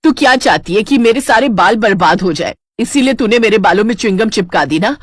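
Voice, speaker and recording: A woman voicing a sharp-tongued middle-aged mother-in-law in a storybook tale, scolding and vengeful. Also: medium pitch, expressive, brisk, breathy edge, no room sound. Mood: furious. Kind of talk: storybook character voice.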